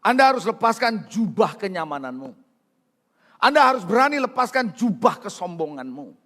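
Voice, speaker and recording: A man preaching a sermon as pastor, calling out to the congregation and swinging from loud calls to hushed lines. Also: high-pitched, sing-song, moderate pace. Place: church hall. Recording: long reverb of a large hall.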